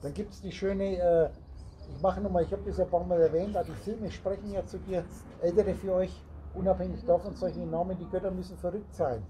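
His voice sits high, mellow and steady as this man briskly lectures a small meeting-room group in the role of spiritual teacher. Rambling and playing with word roots, he addresses listeners directly, on a low-quality recording with slight background noise from the chattering group.

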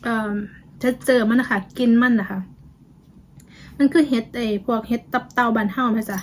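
A woman's voice: a little high, steady tone, normal speed, a little hiss or hum. A woman with an Isan Thai accent chatting casually for her vlog while she eats, humming as she tastes the food. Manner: chatty, tasting food with murmured hums. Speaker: vlogger.

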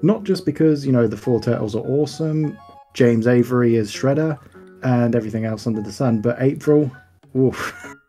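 A man's voice: medium pitch, normal speed, mellow, faint music behind. A man in his thirties, a guest in a casual chat, easygoing and rambling with frequent chuckles. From England. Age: 30s.

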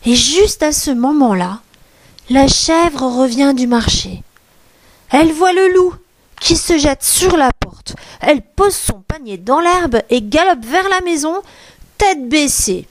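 Slow, expressive woman reading a storybook. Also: high-pitched, dry recording. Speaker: teacher reading a picture book. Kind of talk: storybook read-aloud for young children.

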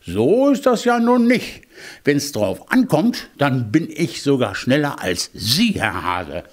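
A man's voice: medium pitch, very animated, slow pace. A man voicing a polite, cunning male hedgehog in a children's fairy tale, with a chirpy, sly manner. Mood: cheeky.

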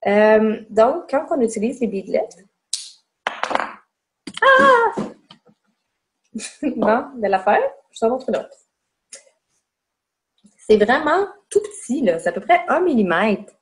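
A woman in her forties with a Québécois French accent speaks slowly in a high-ish, sing-song voice, pausing often, as she runs a casual webinar lesson from home. Chatty, she points out spots on herself while explaining, picked up by a webcam mic on a video call indoors.

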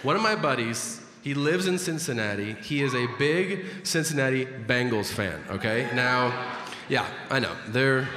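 On a large theater stage, a male stand-up comedian with a handheld mic tells a long, unhurried story, slipping into voices for its characters. His mid-range voice is expressive, and the hall is echoey with a loud audience and crowd noise.

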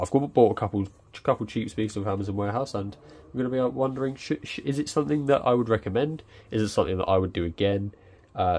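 A young man reviewing tech unboxes a product at his desk indoors, chatting casually but haltingly, with frequent ums and restarts. His voice is lowish and a little mellow.

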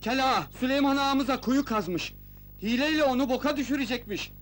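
An actor playing a frantic young messenger in an old Turkish film, shouting his news. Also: very high voice, brisk. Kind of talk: 1980s Turkish film acting.

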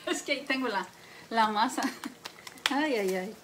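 A Mexican woman streaming from her home kitchen talks casually while cooking, joking with viewers, laughing often, and speaking into a phone held close. Her voice is a little high and she takes it slowly, with a noisy background and faint frying and sizzling.

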